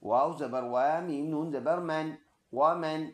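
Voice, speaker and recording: A man's voice: on the high side, takes it slowly. A man teaching Quran reading, spelling out each word letter by letter and vowel by vowel before reciting the full verse. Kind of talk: slow spelled-out recitation lesson. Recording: echoey room.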